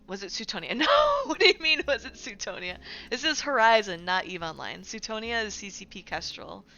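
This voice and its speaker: A woman with a bright, ringing voice that sits a little low, chatting loosely on a livestream. She leans on fillers like "like" and keeps tagging her points with "right?". Faint music plays underneath. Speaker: streamer. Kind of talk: casual livestream commentary.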